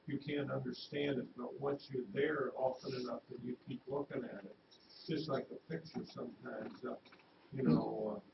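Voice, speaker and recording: A man with a gravelly voice questions presenters at a school board meeting, stopping often on uhs and restarts. He is heard from a distance in an echoey room, and the sound is dull and noisy. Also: medium pitch, fairly even intonation. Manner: halting, many uhs and restarts.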